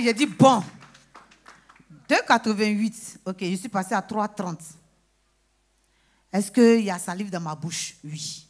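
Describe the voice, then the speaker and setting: A woman giving a lively personal testimony in church, breaking into praise exclamations and acting out conversations. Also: mid-range voice. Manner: exclaims praise, acts out dialogue.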